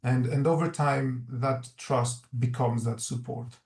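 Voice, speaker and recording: Male researcher giving a webinar talk, earnest, halting delivery, echoey room. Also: medium pitch, fairly even intonation, vocal fry, darkish tone. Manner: earnest, reflective, many restarts. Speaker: researcher presenting findings. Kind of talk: webinar presentation.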